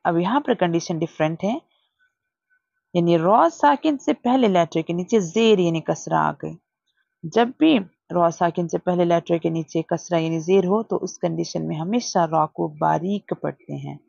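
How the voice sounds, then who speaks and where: Woman teacher with a gravelly, slow voice. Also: on the low side, darkish tone, no room sound, muffled recording. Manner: slow drawn-out syllables for practice, quick explanations; mixes English phrases into explanations. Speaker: Quran reading teacher. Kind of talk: recorded reading lesson.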